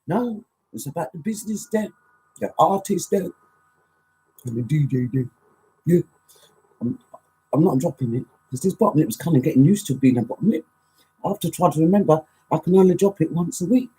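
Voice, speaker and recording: Woman DJ host, husky voice, chatty and jokey, mid pitch. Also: dark tone, low-quality recording. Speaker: DJ and show host. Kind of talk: live show chat with listener shout-outs.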